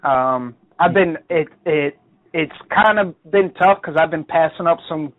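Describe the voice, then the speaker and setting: Speaking unhurriedly in a voice on the high side, this man phones a hunting radio show just to chat. He laughs a lot, keeps saying "man," and stays easygoing, with the call sounding tinny and dry with no room sound.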